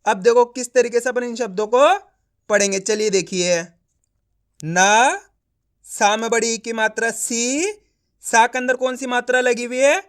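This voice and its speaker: A man's voice: very high voice, steady tone, a little slow. A man teaching a reading lesson, patiently sounding out syllables one by one and often checking that the listener understands. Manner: coaxing, often asking the viewer if they understand. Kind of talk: spoken lesson.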